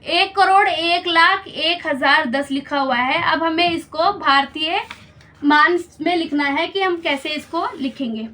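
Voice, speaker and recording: A woman's voice: high voice, a little slow, pushed and bright. A woman teaching a school maths lesson step by step, patiently explaining and checking understanding with questions.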